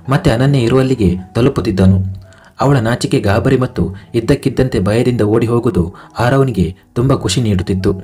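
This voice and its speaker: A man reading a romance story aloud as a storyteller in steady scripted narration. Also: medium pitch, breathy edge.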